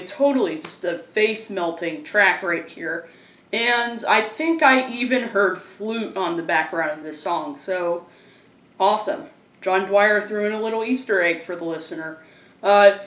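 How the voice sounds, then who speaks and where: A man's voice: high-pitched, moderate pace, pushed and bright. A man giving a casual, enthusiastic album review, rambling with lots of fillers and restarts. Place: a room at home. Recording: roomy echo, mic at a distance.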